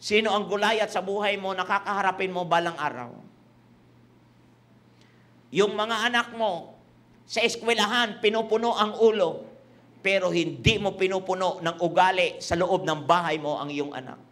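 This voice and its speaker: In a church hall filled with a congregation, a male pastor preaches a sermon in mixed Tagalog and English. His voice sits high and is a bit bright, at a moderate pace, and he keeps restating his points while teasing the crowd.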